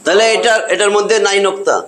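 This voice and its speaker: A man's voice: sits high, fast talker, a crowd in the background. A man teaching a class how to read and pronounce letters, repeating each sound patiently. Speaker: Quran reading teacher. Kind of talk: classroom lesson.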